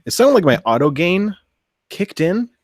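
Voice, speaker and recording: A man's voice: sits high, very animated, normal speed, dry recording, clean studio sound. A man giving a casual hands-on review of a 3D printer, talking technically with many fillers while his mic's automatic gain swells and dips unevenly. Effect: uneven automatic gain on the mic. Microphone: mic moved across the room.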